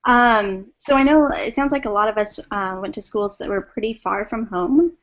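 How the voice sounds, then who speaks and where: A woman's voice: medium pitch, moderate pace. A young woman moderates a student panel over a video call. She sets up the next topic and invites the others to answer. The audio is dull and lo-fi.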